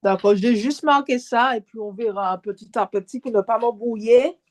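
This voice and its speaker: A woman's voice: on the high side, moderate pace, a little mellow, no echo. A woman student in a one-on-one reading lesson, candid and hesitant, taking notes as she goes.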